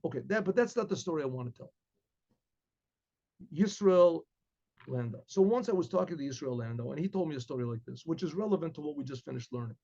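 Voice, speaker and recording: In a study lined with books, an older man speaking with an American accent rambles through a story for a casual class via his desk webcam, repeating words and clearing his throat a lot. His voice is fairly high-pitched and mellow, and the recording sounds lo-fi.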